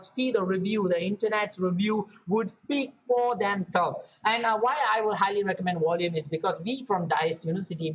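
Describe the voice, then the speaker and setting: A woman talking fast through a casual screen-share tutorial as an online marketing instructor, repeating words and often saying "guys". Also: medium pitch, slight background noise, low-quality recording.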